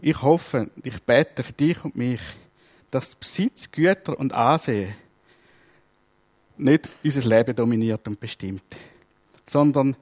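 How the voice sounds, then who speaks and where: A male preacher with a Swiss German accent, giving a sermon in a lively storytelling manner at an ordinary mid pitch. He acts out the people in his stories. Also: unhurried, long pauses. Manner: lively storytelling, acting out voices.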